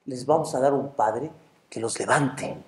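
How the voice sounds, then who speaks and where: A man voicing a calm, unbending male angel of death in a sermon story, speaking low and slow. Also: lightly acted. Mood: solemn. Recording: roomy echo.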